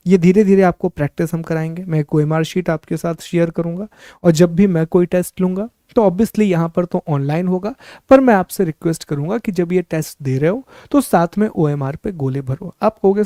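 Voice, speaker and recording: A man's voice: sits high, mellow, no room sound, studio quality. A young man teaching an exam strategy class as a coaching teacher, giving direct advice and asking rhetorical questions.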